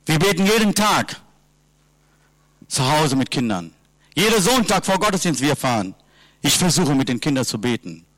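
A man preaching a sermon in simple, halting sentences, earnestly asking his listeners question after question. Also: a little high, big pitch swings, a bit bright, no echo. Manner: earnest, asks repeated rhetorical questions. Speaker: lay preacher.

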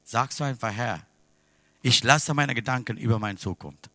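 Bright, forceful man preaching a sermon. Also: medium pitch, moderate pace, no room sound. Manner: non-native German with broken grammar; swings between hushed asides and loud exclamations.

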